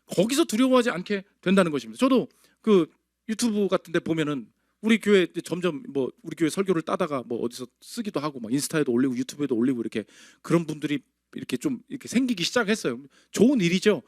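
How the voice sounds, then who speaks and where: A man's voice: sits high, a bit bright, no room sound, clean studio sound. A male pastor preaching a sermon in a conversational way, firing rhetorical questions at his congregation.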